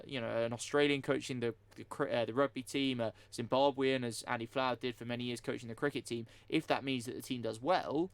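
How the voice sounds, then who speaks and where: A male sports radio presenter talks quickly and fluently, laying out a news story and then arguing his view. His voice sits at a middle pitch. It is recorded close and dry in a studio. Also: dry recording. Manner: fast, fluent news rundown with opinions.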